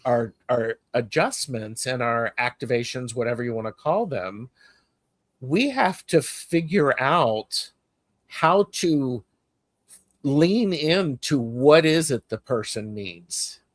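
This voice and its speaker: A man's voice: medium pitch, animated, slow pace, no echo. A man hosting a casual spiritual discussion, telling personal stories earnestly, getting emotional at times.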